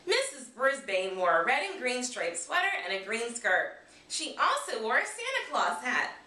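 A guest reader with a high, animated voice reads a storybook aloud at a normal pace from a script. She's in a small furnished room indoors, picked up by a camera mic across the room that makes the sound roomy and distant.

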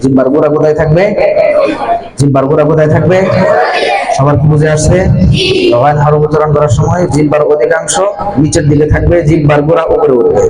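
A man's voice: fairly high pitch, little pitch movement, fast, long pauses. A male madrasa teacher giving a Quran pronunciation lesson, asking the class questions and repeating the answers. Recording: echoey room with a crowd of students. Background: students chanting along.

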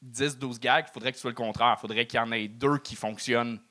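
A man gives feedback on a comedian's set, stumbling and repeating himself as he searches for words. His voice is bright and sharp, at a middling pitch. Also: steady tone, quick pace. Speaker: comedy judge. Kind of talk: critique of a set.

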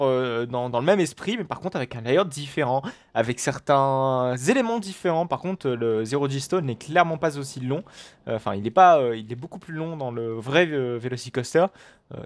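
A man giving live commentary on a game, excitable and rambling, with frequent swearing and exclamations. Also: mid-range voice. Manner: rambling with many fillers and restarts. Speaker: gaming video host.

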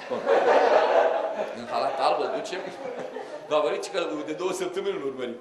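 A man's voice: a little high, heavy background noise. A man telling comic stories to a live audience, acting out the people in them and talking to the crowd. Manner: animated, acts out quoted voices, addresses the audience directly. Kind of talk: live comic storytelling monologue. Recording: roomy hall, audience audible.

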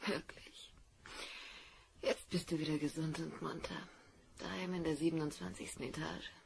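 A woman's voice: sits low, fairly even intonation, moderate pace, gravelly, very noisy. An actress playing a downtrodden wealthy wife and mother in an audio drama. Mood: soothing. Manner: pleading, then defiant.

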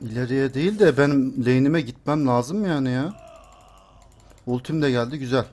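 A man's voice: medium pitch, moderate pace, darkish tone. A young man streaming a video game, muttering and cursing to himself, then shrieking in panic when chased. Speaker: gameplay streamer. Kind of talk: live game commentary.

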